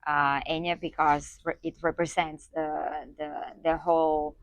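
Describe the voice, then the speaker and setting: Female guest, low register, hesitant conversational delivery, dry close recording. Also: flat delivery, measured pace, no echo. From Spain. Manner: hesitant, many fillers and restarts. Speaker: guest, community organizer. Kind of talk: conversational interview.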